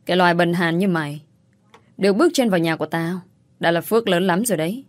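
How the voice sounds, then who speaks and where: Woman doing a bullying sister-in-law, scornful, scolding, low voice, dry close sound. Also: quick pace, no echo, lightly acted. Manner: contemptuous, scolding, insulting. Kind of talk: storytelling, acted dialogue.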